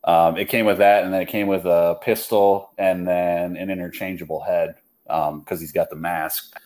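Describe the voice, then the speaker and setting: A man with a fairly low voice chats loosely on a nerdy podcast. He rambles through fillers and restarts, laughing as he goes. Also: fairly even intonation, normal speed, a little mellow. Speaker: podcast co-host. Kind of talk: casual chat.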